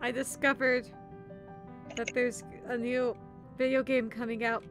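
A woman's voice: fairly high pitch, level tone, unhurried, music in the background. A woman playing an awkward young male gamer on a date, talking in a hesitant, stumbling way. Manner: hesitant, stumbling, breaking into laughter.

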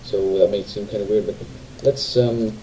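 A man's voice: lowish voice, fairly even intonation, moderate pace, mellow, a little hiss or hum, rough recording. A man giving rambling, casual commentary while playing a video game, often asking his viewers tag questions. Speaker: gamer. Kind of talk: casual let's play commentary. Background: faint game music.

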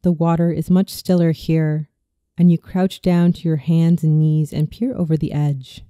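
This scripted visualization is read by a meditation narrator in their 30s, whose medium-pitched voice is very mellow and soft around the edges. The delivery is flat, slow and soothing, captured close and dry with no room sound.

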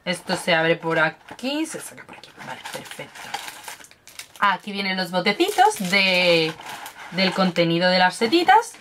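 A woman's voice: lowish voice, fairly bright tone, a little hiss or hum. A young woman, chatting casually while unboxing and tasting snacks, gushing over cute things with lots of diminutives. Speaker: beauty and snack vlogger.

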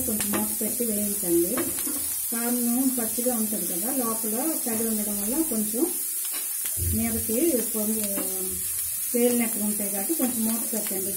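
A woman's voice: fairly high pitch, noisy background. Woman, cooking host, chatty instructive tone, echoey kitchen, sizzling frying behind. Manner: chatty, instructive, repeats tips. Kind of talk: home cooking demonstration. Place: home kitchen at the stove.

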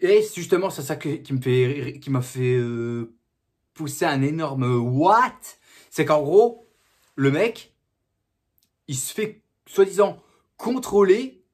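A man's voice: fairly high pitch, lively intonation, takes it slowly, long pauses, a little mellow, husky. A man giving a casual, slangy film review, repeating himself and breaking into sudden mock outbursts.

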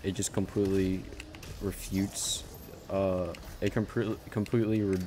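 A man giving casual commentary while he plays a game, rambling with halting starts and frequent self-corrections. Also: low voice, flat delivery, mellow. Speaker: gaming channel host.

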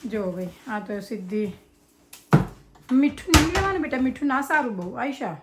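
A woman's voice: a little high, sing-song, moderate pace. A mother chatting with her children for a home vlog, coaxing and scolding them. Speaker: mother and vlogger. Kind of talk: casual family vlog. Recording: home video with clear background noise.

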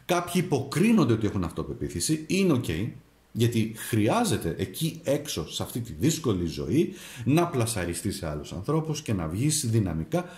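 A man gives a tarot reading, talking straight to the viewer and offering advice. His pitch swings up and down as he speaks. The room around him echoes. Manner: animated, addresses the viewer directly, gives advice. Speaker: tarot reader and astrologer.

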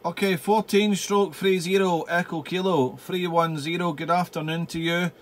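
An amateur radio operator and channel host makes casual contact from his home radio room, with background noise behind him. His high voice stays fairly even at normal speed as he repeats phrases, uses call-sign jargon, and spells things out in the phonetic alphabet.

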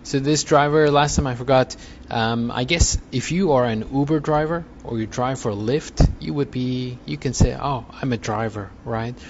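A man teaching an English lesson, talking slowly and patiently through repeat-after-me drills with fillers. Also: medium pitch, background noise. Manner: slow, patient, repetitive coaching with fillers. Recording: slightly dull recording with faint ambience.

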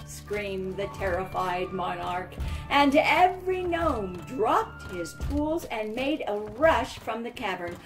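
A woman reading a classic children's story aloud with expressive, dramatic storytelling. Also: mid-range voice, slow pace. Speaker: storybook reader. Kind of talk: scripted storybook narration. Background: background music.

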